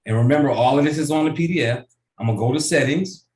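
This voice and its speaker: A man coaching a business group through a software tutorial on a video call, casual and often checking in with "right?". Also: mid-range voice, fast talker, reverberant, slight background noise. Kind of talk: online tutorial training.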